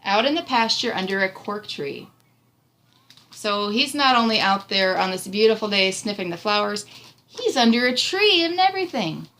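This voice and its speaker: In a small room at home, a thirty-something woman shares a picture book with a child, reading aloud and chatting, explaining and asking questions to keep them engaged. She has a mid-range, fairly bright voice with a sing-song lilt at a moderate pace. The recording is noisy and carries room ambience.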